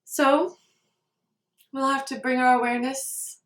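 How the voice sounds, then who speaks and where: A woman leads a guided meditation in a calm, slow, gentle way. Her voice sits a little high. It is recorded at home with a roomy echo, a bit away from the mic. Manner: slow, soft, calm guiding. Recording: roomy sound, somewhat far from the mic.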